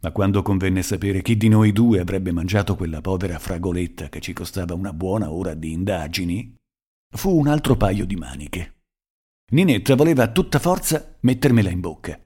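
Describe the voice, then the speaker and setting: A man narrating a short story in a measured, expressive reading. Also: low-pitched, husky.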